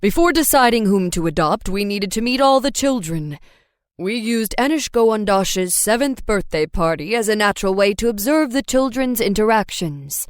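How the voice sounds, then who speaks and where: A woman voicing a warm, steady adoptive father who speaks in measured, gentle counsel, in an audiobook. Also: medium pitch, smooth, no echo, studio quality, lightly acted. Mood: fatherly. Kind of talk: audiobook character voice.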